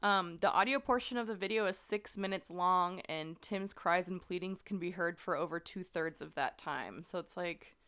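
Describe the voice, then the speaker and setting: A woman's voice: fairly low pitch, moderate pace, hardly any pauses, a bit bright, smooth. A woman hosting a podcast, casually recounting a true-crime story with plenty of fillers and an earnest tone. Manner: conversational, many fillers, earnest. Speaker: podcast host.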